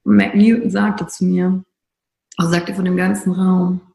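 Gravelly-voiced woman telling a personal story. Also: lowish voice, level tone, normal speed, mellow, reverberant, low-quality recording. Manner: emphatic, confessional, with repeated phrases for stress. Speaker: speaker.

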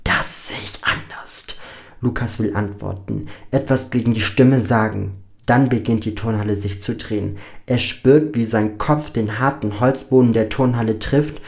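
A man narrating a dramatic story in a steady, measured reading. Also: fairly low pitch, gravelly.

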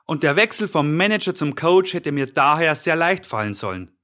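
A middle-aged life coach and podcast host delivers a scripted motivational talk, addressing the listener directly in an earnest, encouraging manner. His voice sits a little high and swings widely in pitch, with a sharp tone at a normal speed.

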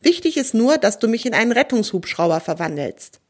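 A woman voicing a calm, confident male magic motorcycle in a children's storybook. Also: a little high, fairly quick. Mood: reassuring. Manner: calm, reassuring.

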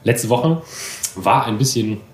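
A man's voice: medium pitch, expressive, slow, reverberant. A man co-hosting a casual podcast chat, rambling and self-deprecating with many fillers. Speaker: podcast co-host. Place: apartment room.

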